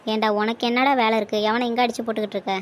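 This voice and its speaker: Brief: woman playing exasperated young village woman, highish voice, scolds and grumbles. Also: level tone, rapid-fire, slight background noise, close to an everyday voice, rough recording. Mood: scolding. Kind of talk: dubbed cartoon dialogue.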